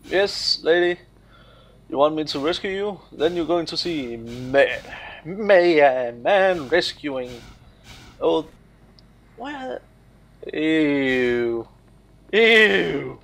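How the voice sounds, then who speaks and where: Slow-talking gamer dude with a gravelly voice, jumpy pitch, joking around. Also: male voice, slight background noise. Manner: jokey, excitable, exclaims and laughs. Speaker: gamer playing on video. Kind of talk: casual let's play commentary.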